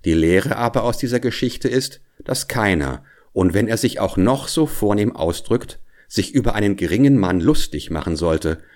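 Low-voiced man telling a fairy tale. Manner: expressive, measured storytelling. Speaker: storyteller.

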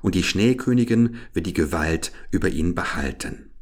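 A man's voice: low voice, animated, normal speed. A man voicing a grave old wise woman. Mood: confiding.

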